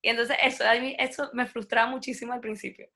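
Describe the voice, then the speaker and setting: This young woman, a native Spanish speaker, is a fast talker with a fairly high voice. Interviewed as a guest, she keeps things casual and animated, playing out the people in her story.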